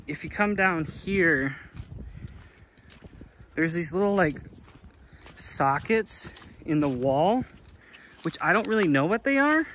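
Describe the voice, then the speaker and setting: A young man casually narrating an outdoor exploring vlog in snowy woods, talking in a relaxed, unsure way with plenty of fillers. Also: on the high side, slow, long pauses, slight background noise, rough recording. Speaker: vlogger.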